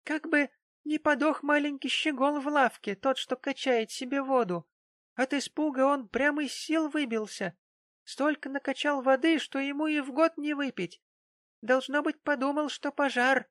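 Мужчина-чтец озвучивает маленького суетливого цирюльника, взволнованного и болтливого. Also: male voice, very high-pitched, steady tone, moderate pace, fairly bright tone, dry recording, clean studio sound, pitched above the performer's own voice. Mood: flustered. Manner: fussy, chattering. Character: little fussy male barber, flustered.

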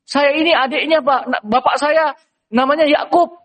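A gentle young boy pleads earnestly, as a male teacher puts him on. The voice is very high and bright with effort in a storytelling lesson. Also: fairly even intonation, normal speed, in a large hall. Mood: pleading.

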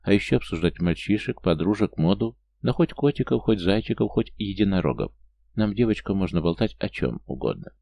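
Man reading as a gentle young mother. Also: sits low, lively intonation, brisk, creaky, full character voice. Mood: cheerful. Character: kind hardworking young mother, hairdresser.

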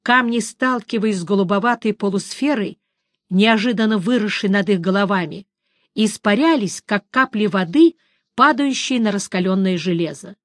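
A woman narrating a fantasy audiobook in a measured, dramatic reading. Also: medium pitch, no room sound, clean studio sound. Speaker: audiobook reader.

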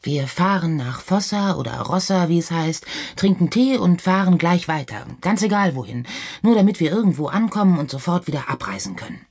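A man doing an eager excited young man. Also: fairly high pitch, normal speed, breathy edge, voice pushed up. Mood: agitated. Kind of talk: audiobook reading.

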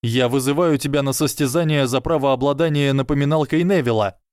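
A man voicing a quick-witted boy wizard who talks urgently and hisses warnings. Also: medium pitch, darkish tone, no room sound, clean studio sound, close to an everyday voice. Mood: bold. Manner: urgent, hissing.

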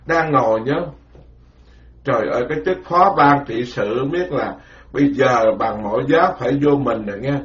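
A man's voice: medium pitch, normal speed, a bit bright. A man, a Buddhist monk giving a dharma lecture in a folksy, colloquial way and acting out voices in his stories. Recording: roomy, dull lo-fi recording.

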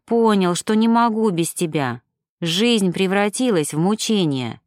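A woman reading an audiobook, voicing a tender, devoted young man in a lowered, doting voice. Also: lively intonation, measured pace, darkish tone, no room sound, clean studio sound, lightly acted. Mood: pleading.

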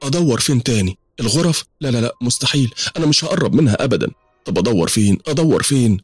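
A man's voice: lowish voice, expressive, rapid-fire, darkish tone, breathy edge, no echo, faint music behind, voice pushed up. A man with an Egyptian accent voicing an anxious young woman who talks to herself as she searches. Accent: Egyptian Arabic. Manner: nervous, talking to herself.

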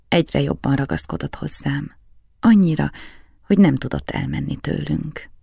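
A man narrating a novel in a measured storytelling manner. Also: fairly high pitch, vocal fry, a little mellow, husky, no room sound, clean studio sound. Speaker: audiobook narrator. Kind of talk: scripted narration.

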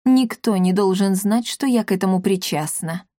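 Cold, calm menacing stranger, a woman reading her; dry sound. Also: mid-range voice, normal speed, no echo, natural voice. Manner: calm, icy, threatening. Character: cold commanding mysterious woman. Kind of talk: audiobook character voice.

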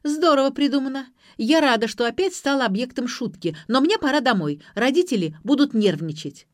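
A woman voicing an excitable young woman who grows loud and indignant. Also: moderate pace, no room sound, studio quality. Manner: high, agitated, loud.

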